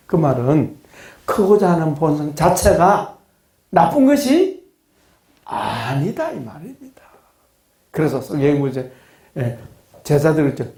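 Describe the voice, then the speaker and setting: A man pastor teaching a Bible class in a sermon style, animated and humorous, firing rhetorical questions at his listeners. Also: on the high side, echoey room. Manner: humorous, acts out blunt reactions. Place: classroom of a study institute.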